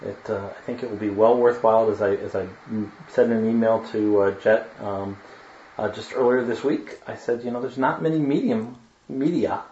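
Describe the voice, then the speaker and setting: A man chatting as co-host over a video call, his voice boxed in as if he were inside a tin can. The audio is hollow and echoey, with a dull, muffled top end, and his pitch sits a little low. He talks haltingly, with plenty of fillers and restarts. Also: warm tone. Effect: sounds like he is inside a tin can over a video call. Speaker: podcast co-host. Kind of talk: casual podcast chat.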